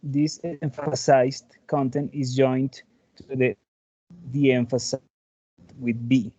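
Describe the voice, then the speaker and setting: A man's voice: medium pitch, flat delivery, slow pace, dark tone, no echo, muffled recording. A man answering questions and reading aloud as a student in an online English class. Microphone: video call.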